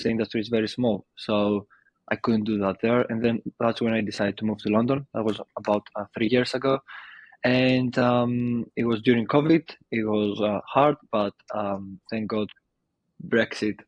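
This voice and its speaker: A man's voice: lowish voice, no echo. Young guy talking shop, lots of ums, kinda dull dry recording. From Greece. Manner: thoughtful, with many ums and restarts. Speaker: guest, video marketing agency founder. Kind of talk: casual interview answers.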